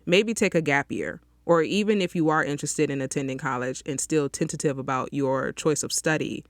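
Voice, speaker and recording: Speaking fairly quickly in a low voice, a young woman runs her own casual solo podcast from a small closet, outdoor noise leaking in. She keeps checking in with listeners with an "okay?", and the audio is clean studio sound without room tone.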